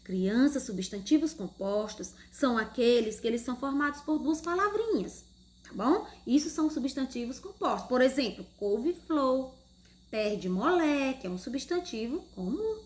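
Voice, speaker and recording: A woman's voice: high-pitched, animated, moderate pace. A woman teaching a grammar lesson to schoolchildren in Brazilian Portuguese, patient, explaining step by step and asking questions. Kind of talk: online grammar lesson for children.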